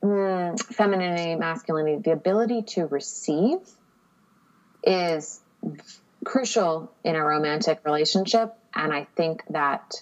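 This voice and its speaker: A woman's voice: low-pitched, measured pace, highs cut off. A woman speaking as a podcast guest in casual conversation, reflective and candid, often acting out quotes.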